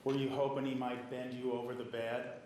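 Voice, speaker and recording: Deliberate male attorney questioning a witness. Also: mid-range voice, level tone. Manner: measured, deliberate questioning with pauses. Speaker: trial attorney. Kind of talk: courtroom questioning. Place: courtroom. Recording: echoey courtroom audio with faint noise.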